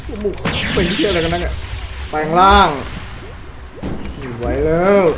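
A man giving loud, excitable gameplay commentary, swearing constantly and yelping as he plays. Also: sits high, normal speed. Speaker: gaming YouTuber. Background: game music.

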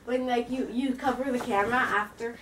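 High female voice in an echoey room. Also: steady tone, fairly quick, far from the mic, noisy background. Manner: chatty, keeps score, restarts sentences. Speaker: contestant in a food guessing game. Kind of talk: casual chat.

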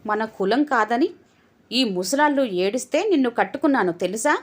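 A scornful, arrogant drunken husband from a storybook tale, as a woman narrator puts him on. He sneers and shouts his dismissive lines in a raised, high voice. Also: lively intonation, normal speed.

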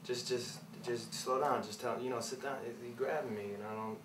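A man's voice: medium pitch, fairly even intonation, moderate pace, reverberant, background noise, close to an everyday voice. An actor in his twenties playing a flustered young son who stammers and restarts his sentences. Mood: uneasy. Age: 20s. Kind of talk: film drama acting.

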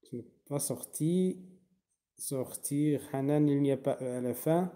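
A man teaching French to his class, slow and patient, spelling verb endings out letter by letter. His voice is dark and mellow, and he takes his time over every word. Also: on the high side. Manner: switches between French and Arabic to explain. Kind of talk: online language class.

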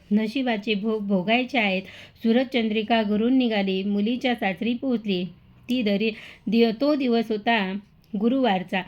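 A woman storyteller reading a devotional tale aloud in a steady, recitative way. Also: fairly high pitch. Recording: dull lo-fi recording.

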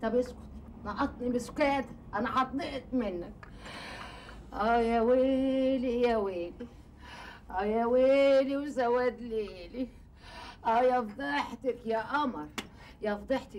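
An actress playing a bossy, meddling middle-aged housewife who wails and laments theatrically in a TV comedy. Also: female voice, on the high side, distant mic, a little hiss or hum, natural voice. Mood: scornful.

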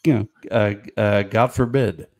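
On a video call from a small room at home, a middle-aged guest who is a comedy writer tells stories in a relaxed chat, laughing often and restarting as he goes, through a studio mic. His voice runs low and creaky, slightly mellow, with fairly even intonation at a measured pace.

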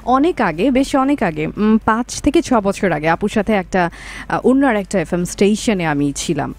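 A woman radio host in a studio, chatty and lively, laughing often and dropping English words into her speech. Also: medium pitch, normal speed. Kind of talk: radio talk show hosting.

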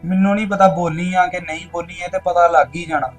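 A man's voice: high-pitched, little pitch movement, fast talker, soft background music, lightly acted. An actor playing a young soldier husband who answers his wife in a curt, guarded, dismissive way.

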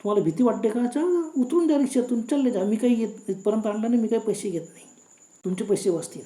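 A woman's voice: fairly high pitch, fast, mellow, reverberant, natural voice. A woman voicing a mysterious male rickshaw driver who talks bluntly in a horror story.

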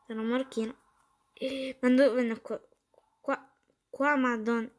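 A woman giving excitable, chatty commentary while playing a game, talking to her viewers and to the game characters. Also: fairly high pitch, slow pace. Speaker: gaming streamer. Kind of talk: playful gameplay commentary.

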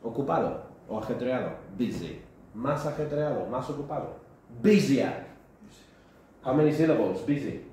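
A man's voice: mid-range voice, expressive, normal speed, warm tone. A male teacher giving a classroom grammar lesson, repeating words and quizzing his students. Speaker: English teacher. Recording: roomy echo, distant mic, faint noise.

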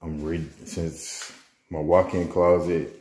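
Slow, deep-voiced laid-back young man. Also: flat delivery, darkish tone. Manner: laid-back, rambling with slang and restarts. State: out of breath from moving furniture. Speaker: vlogger. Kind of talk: casual vlog chat. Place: apartment bedroom, indoors.

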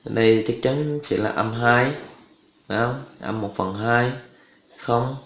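Unhurried and fairly bright, a man's mid-range voice leads a chatty math lesson in a room with noticeable echo. Again and again he stops to make sure his students are keeping up.

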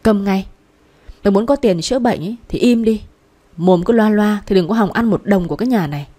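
A woman's voice: medium pitch, brisk, mellow, lightly acted. Domineering mother-in-law, harsh and curt, played by a female narrator. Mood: angry. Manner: snapping, curt.

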